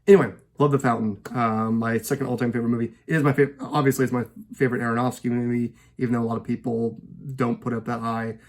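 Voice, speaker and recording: A man at home casually talking about his favorite films, rambling and hesitant, with frequent fillers and restarts. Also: medium pitch. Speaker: host.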